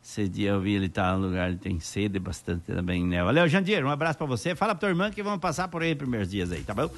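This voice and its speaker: In a radio studio, a male host with a lowish, expressive voice talks fast as he greets listeners. He's jokey and chatty, cracking jokes and laughing often.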